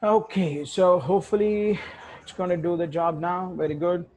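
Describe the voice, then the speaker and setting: In a live coding tutorial, a man thinks out loud, mutters and fixes his own mistakes while typing commands. His high-pitched voice has a darkish tone and a steady delivery at a moderate pace.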